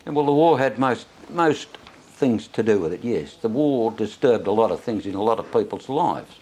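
An old Australian man with a fairly low voice reminisces as a veteran looking back on his life. He tells it in a rambling, anecdotal way, as in an oral history interview, with noticeable noise behind him. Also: expressive, moderate pace, a little mellow, rough recording. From Sydney, Australia. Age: elderly.

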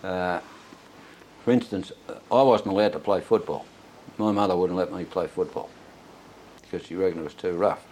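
An old Australian man with a fairly low voice reminisces as a veteran looking back on his life. He tells it in a rambling, anecdotal way, as in an oral history interview, with noticeable noise behind him. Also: fairly even intonation, normal speed, long pauses, darkish tone, low-quality recording. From Sydney, Australia. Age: elderly.

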